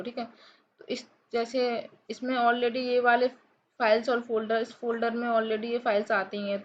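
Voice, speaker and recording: A woman with a somewhat high voice teaches a coding lesson, walking through each step and checking in with her viewers after nearly every point. The recording is a little dull and lo-fi, with a faint hiss underneath. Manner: explains step by step, checks in often. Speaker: programming teacher. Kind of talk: screen-recorded coding tutorial.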